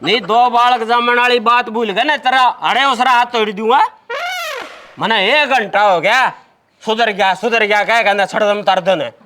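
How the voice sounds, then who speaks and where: A man's voice: sits high, normal speed, pushed and bright. A man with a Haryanvi accent playing an argumentative, cheeky drunken son-in-law in a village comedy sketch. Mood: cocky, argumentative.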